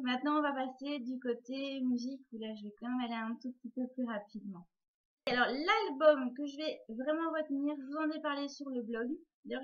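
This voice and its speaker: A woman's voice: fairly high pitch, highs cut off. A woman book blogger talking through her year in a casual vlog, chatty, with frequent hesitations and repeated words.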